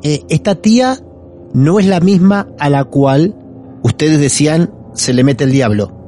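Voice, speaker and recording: A man's voice: fairly high pitch, lively intonation, a little slow, warm tone, soft background music. A man with an Argentine accent hosting a podcast, asking a guest short clarifying questions in a casual interview. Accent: Argentine Spanish. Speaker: podcast host.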